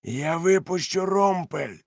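A man doing Silver, shrill sly pirate cook. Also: takes it slowly, vocal fry, no echo, studio quality, heavily acted. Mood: agitated.

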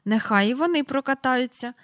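Prim stern nanny, curt and proper, a bit higher and dry, a lady reading her. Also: fairly quick, fairly bright tone, no room sound.

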